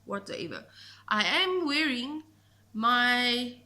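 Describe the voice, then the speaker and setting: A fairly high, bright, forceful female voice, animated but slow. She's a South African woman, Afrikaans being her first language, who hosts a knitting podcast and chats casually to camera from indoors at home, rambling and poking fun at herself. The camera sits a short distance away.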